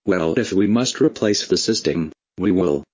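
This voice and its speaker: A man with a disguised, pitched-down deep voice, reading a scripted statement in a flat, measured, ominous way, as an anonymous spokesman. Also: dry recording. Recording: dull lo-fi, dry sound.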